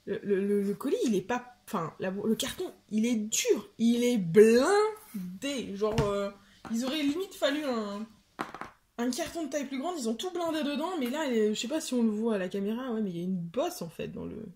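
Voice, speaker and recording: A young woman chatting excitedly as she unboxes a craft kit at home, often stumbling and repeating words. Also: fairly high pitch, moderate pace. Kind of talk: casual unboxing chat. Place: home with a washing machine running.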